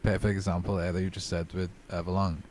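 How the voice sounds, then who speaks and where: A man's voice: low-pitched, level tone, fast, darkish tone, a little hiss or hum. A man co-hosting a music podcast, easygoing and agreeable in casual chat. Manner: easygoing, agreeable, says yeah a lot. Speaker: podcast co-host.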